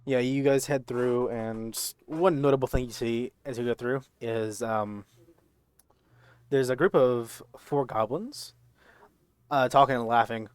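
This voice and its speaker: A man narrating a tabletop game as game master in a halting, informal, slangy way. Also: medium pitch, steady tone, smooth, dry recording.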